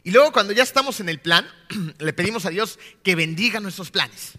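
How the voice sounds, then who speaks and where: A man in his thirties, a pastor, preaching a sermon full of rhetorical questions and often slowing down to stress his key points. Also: sits high, lively intonation, bright, forceful tone, in a large hall. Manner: rhetorical questions with frequent tag "¿no?".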